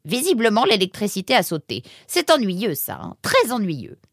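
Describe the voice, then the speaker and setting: A fussy, excitable female creature who runs a watermill, always fretting and exclaiming, as a woman puts her on for a storybook. Her voice sits high and jumps wildly up and down, with a breathy edge. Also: normal speed, no echo, clean studio sound. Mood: fretful. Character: fussy excitable female animal, mill keeper. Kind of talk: storybook character voice.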